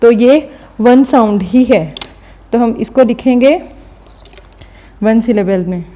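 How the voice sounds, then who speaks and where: A woman teacher explaining a recorded lesson step by step, often pausing to check understanding. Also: fairly high pitch, warm tone. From Pakistan. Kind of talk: recorded classroom lecture.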